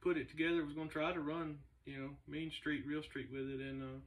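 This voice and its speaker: A man, a race car builder talking casually to the camera in a halting, laid-back way with many fillers. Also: a little high, level tone. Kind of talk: casual vlog talk. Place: large indoor garage shop. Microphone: camera a few meters away. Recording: distant camera mic in a garage.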